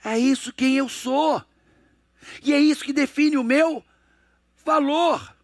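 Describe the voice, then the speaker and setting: Middle-aged Brazilian motivational speaker, high-pitched and dry, punchy rhetorical delivery. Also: male voice, slow, no echo. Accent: Brazilian Portuguese. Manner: emphatic, rhetorical questions to audience; acts out dialogues in a lowered, hushed voice. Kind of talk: motivational lecture.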